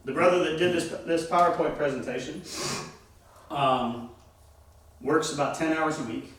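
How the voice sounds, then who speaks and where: A man's voice: on the high side, moderate pace, a bit bright, recorded from a distance, a little hiss or hum. Emphatic church teacher man, echoey room. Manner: emphatic, asks the class questions. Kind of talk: Bible class lecture.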